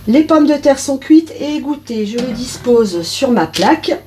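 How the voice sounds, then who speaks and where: A woman's voice: high voice, lively intonation, measured pace, background noise. A woman hosting her own cooking channel, chatting directly to viewers as she walks through a recipe step by step. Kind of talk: casual recipe narration.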